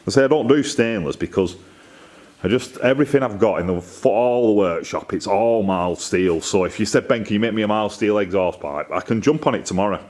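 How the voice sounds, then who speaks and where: A Northern English man talks casually to the camera from an indoor metalworking workshop, rambling and poking fun at himself in everyday language. He speaks a little fast in a lowish, somewhat dark voice.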